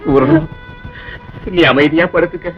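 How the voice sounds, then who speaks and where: A man's voice: on the high side, fairly even intonation, measured pace, close to an everyday voice. An actor playing an anxious husband soothing his crying wife in a 1960s film melodrama. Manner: soothing, pleading. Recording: dull old film soundtrack with music.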